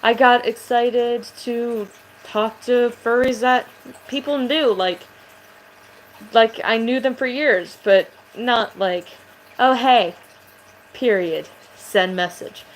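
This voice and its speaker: Woman vlogger, casual rambling chat, swears a lot, aggressive edge, slightly high voice. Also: takes it slowly, a little hiss or hum, low-quality recording. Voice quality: sounds aggressive.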